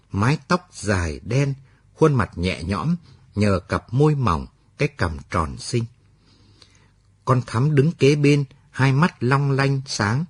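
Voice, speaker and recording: A man narrating a late-night radio story in a steady storytelling manner. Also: mid-range voice, husky, dry recording, clean studio sound.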